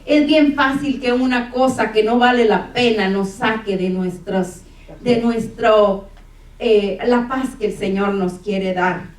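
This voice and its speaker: A woman's voice: mid-range voice, steady tone, takes it slowly, a little mellow. A middle-aged woman, telling a story in a church testimony sermon and acting out the dialogue. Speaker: church speaker. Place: church hall. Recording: echoey church room, from far off.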